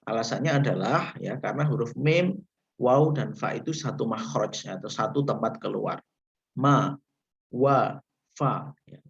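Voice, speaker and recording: In a livestreamed lesson, an Indonesian man teaches the rules of Quran recitation, slowly and patiently repeating points and saying "ya" after nearly every phrase. He draws out the recited Arabic examples slowly, in a medium-pitched, expressive, gravelly voice with lo-fi sound.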